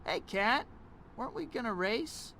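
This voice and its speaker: A man's voice: very high voice, big pitch swings, unhurried, gravelly, exaggerated voice. A man playing a wry, earnest young superhero with dry quips in a video game. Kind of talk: video game cutscene acting.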